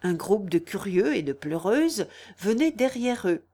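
Reading from a novel as scripted narration, a female audiobook narrator keeps her delivery even and controlled. Her voice sits at a medium pitch.

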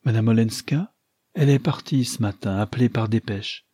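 A man's voice: medium pitch, moderate pace, warm tone, slightly rough, no echo, clean studio sound, lightly acted. A man voicing a chatty, flustered young woman who gushes giddily in an audiobook. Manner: gushing and giddy. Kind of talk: audiobook character voice.

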